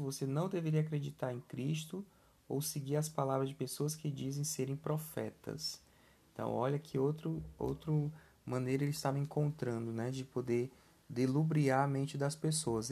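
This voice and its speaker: A man's voice: medium pitch, creaky, warm tone, slightly rough. A man teaching scripture. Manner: conversational, questions the listeners, frequent tag questions. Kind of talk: casual scripture lesson.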